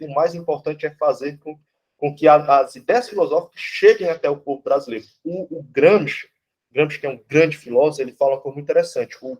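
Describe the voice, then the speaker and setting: A darkish, somewhat high male voice belongs to a Brazilian philosophy professor. His lecture is casual and blunt, with offhand swearing and frequent "né?" and "tá certo?" tags.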